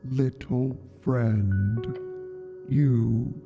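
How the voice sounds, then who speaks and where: A woman voicing a giant, ancient male snail patriarch through a voice changer, speaking in slow, deliberate, halting words. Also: full character voice. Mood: solemn. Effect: voice changer deepening the voice. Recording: muffled, with music behind.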